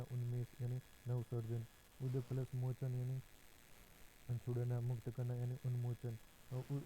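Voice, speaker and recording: A man teaching an exam-prep grammar lesson, working through examples slowly and methodically, often pausing on a drawn-out "a". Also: medium pitch, warm tone, slight background noise, rough recording. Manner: slow, methodical, fills pauses with drawn-out "a".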